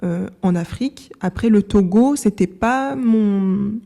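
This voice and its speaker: A woman in her twenties speaks at a middle pitch with a warm, mellow tone. She answers questions calmly and steadily, sometimes pausing on a filler before going on. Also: vocal fry. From France. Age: 20s. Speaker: interview guest. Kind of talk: conversational interview.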